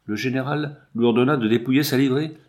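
A man narrating a novel in a steady, measured reading voice. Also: mid-range voice. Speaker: audiobook reader. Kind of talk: scripted narration.

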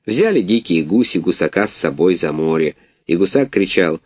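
Expressive male storybook narrator. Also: sits low, moderate pace. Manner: animated, expressive reading.

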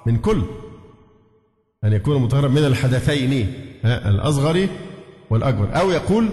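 A man's voice: mid-range voice, a little mellow, echoey room, long reverb tail. A man with an Egyptian accent giving a religious lesson, explaining points and testing listeners with rhetorical questions, sometimes chanting short phrases to show correct pronunciation. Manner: demonstrates call-to-prayer pronunciations. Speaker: Islamic scholar teaching.

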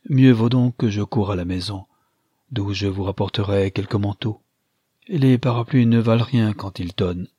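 A man reading an audiobook, voicing a middle-aged country minister in a brisk, matter-of-fact way. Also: fairly low pitch, mellow, husky, no room sound, studio quality. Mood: practical.

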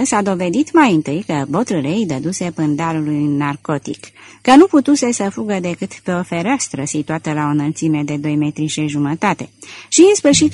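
Animated woman narrating an audiobook. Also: fairly low pitch, no room sound. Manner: expressive, animated reading. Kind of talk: audiobook narration of a detective novel.

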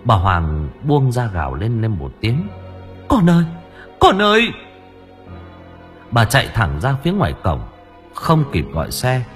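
A man narrating an audiobook in an expressive, dramatic storytelling manner. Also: lowish voice, normal speed, faint music behind.

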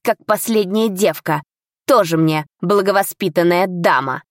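A woman's voice: lowish voice, unhurried, dry recording, studio quality, close to an everyday voice. A woman reading an audiobook, voicing a rude, petty little bald male tutor who grumbles and sneers. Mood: sneering.

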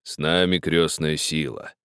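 A man voicing a pious old peasant miner who speaks slowly and gravely, preaching and pleading in an older man's voice. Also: rumbling low, fairly bright tone, no room sound, studio quality, voice pushed down. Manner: slow, grave, moralizing.

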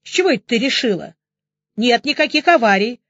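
A woman voicing a gruff, joking male police officer in an audiobook, grumbling and mocking. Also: fairly high pitch, lively intonation, brisk, a bit bright, no echo, highs cut off.

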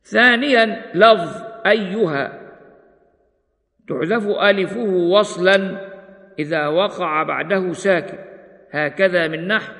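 A man teaching a tajweed lesson, explaining rules in a measured way and slowing down to recite examples. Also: sits high, sharp tone. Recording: long hall reverb.

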